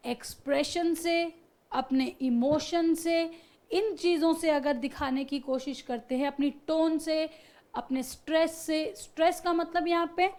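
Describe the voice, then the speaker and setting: Slow-paced high-voiced woman teacher. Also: darkish tone. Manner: explains slowly, mixing Hindi and English; stresses words to show examples. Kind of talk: classroom lecture.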